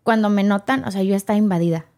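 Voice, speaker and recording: A woman tells her own story as a podcast guest, her voice sitting in a middle register. She talks in an animated way and acts out the people in it, switching into their voices as she goes. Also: medium pitch, fast talker. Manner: animated, acts out quoted dialogue. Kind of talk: emotional personal storytelling.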